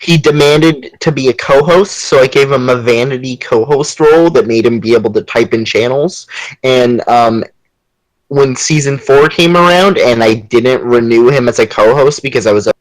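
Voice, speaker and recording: A man co-hosting a podcast in casual chat. He is excitable and swears often. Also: mid-range voice, moderate pace, no echo, poor audio. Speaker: podcast co-host.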